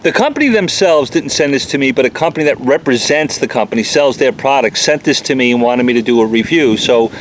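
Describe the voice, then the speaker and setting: A man with a New York accent reviewing a cleaning product in a casual, candid, quick-talking way, recorded outdoors on a windy day with a camera mic. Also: mid-range voice, lively intonation. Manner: talks fast, chatty and candid. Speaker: auto detailer reviewing products. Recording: faint wind and outdoor noise. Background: outdoor ambience and breeze.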